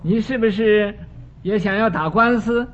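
Argumentative old lawyer, protesting every point, a man doing the voice, fairly high voice, dull lo-fi recording. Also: a little slow.

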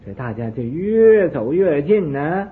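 A man preaching a sermon by telling a story, with an animated delivery that swings between loud and soft. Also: a little high, a little slow, slight background noise. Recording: narrow phone-like band.

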